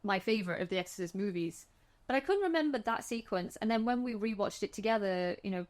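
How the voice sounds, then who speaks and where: A woman co-hosts a relaxed film chat with a middling pitch. She walks through scenes in a chatty, animated way. She often restarts her sentences as she goes. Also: quick pace. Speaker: podcast co-host. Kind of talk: casual film discussion.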